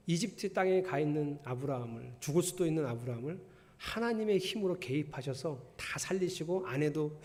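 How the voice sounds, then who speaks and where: A fairly high-voiced male pastor preaches in a chatty, animated way and acts out the lines he quotes. His voice rings with the long reverb of a church sanctuary. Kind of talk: sermon.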